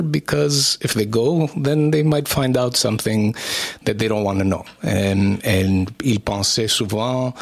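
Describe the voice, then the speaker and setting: A man's voice: fairly low pitch, dry recording. A man from Montreal hosting a radio interview, switching between French and English mid-sentence. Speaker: radio host.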